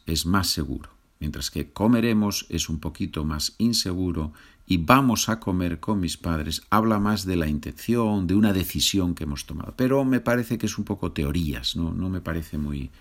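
A man teaching a Spanish grammar lesson, speaking patiently, repeating each example and checking in with the learner. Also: low-pitched. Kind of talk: slow, clear grammar lesson.

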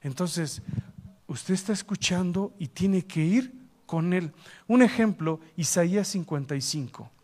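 Male pastor, high voice, unhurried lively sermon with jokes. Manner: lively, joking, asks the congregation questions.

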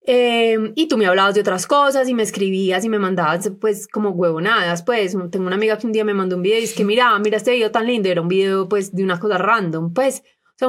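Earnest young woman. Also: mid-range voice. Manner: earnest, animated quoting of others. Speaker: podcast co-host. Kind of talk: candid personal talk.

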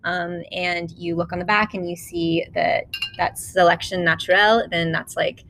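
A woman's voice: on the low side, steady tone, a little slow, vocal fry, a bit bright, a little hiss or hum, rough recording. A woman co-hosting a podcast in casual chat, chatty and enthusiastic. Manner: chatty, enthusiastic, laughs easily. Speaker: podcast co-host.

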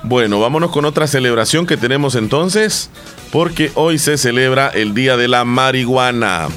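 A man's voice: medium pitch, normal speed, a bit bright. Male co-host, easygoing and joking, light music bed. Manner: playful, laughs at himself. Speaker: radio show host. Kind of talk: casual chat show.

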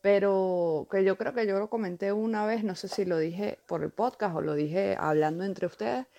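Woman telling stories haltingly. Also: mid-range voice, mellow, slight background noise. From Venezuela. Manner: halting, repeats words while storytelling. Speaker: podcast co-host. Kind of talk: casual chat.

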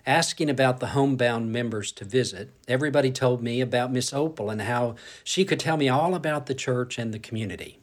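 A man preaching to his congregation, his pitch sitting in the ordinary middle range. He reads scripture and then moves into a personal anecdote, carrying both with an unhurried, measured storytelling cadence. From grew up in a city. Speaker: pastor. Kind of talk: sermon.

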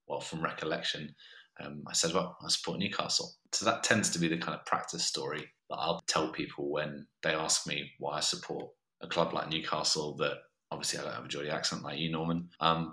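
Very deep-voiced man, modern Southern English accent. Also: pushed and bright. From Australia. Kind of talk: reflective personal storytelling. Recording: roomy, echoey sound.

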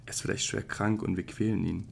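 A man's voice: low voice, fairly even intonation, fairly quick, gravelly, a little hiss or hum. A man voicing an anxious middle-aged mother who calls out in a frantic, distressed way.

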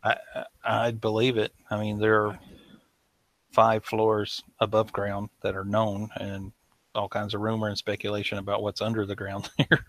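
Laid-back Southern man with a gravelly voice. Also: on the low side, monotone, moderate pace, a bit bright, no echo. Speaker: podcast co-host. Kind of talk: casual chat.

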